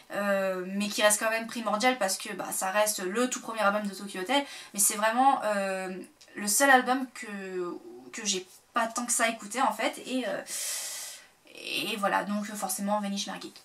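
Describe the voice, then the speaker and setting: A woman chatting casually to camera as a vlogger, full of fillers and sudden excited bursts. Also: mid-range voice, normal speed, recorded from a distance.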